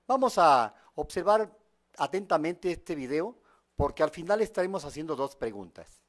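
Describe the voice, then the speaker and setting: A man speaking at a congregation meeting. In a measured, formal way, he cites scripture and introduces a video. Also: on the high side, big pitch swings.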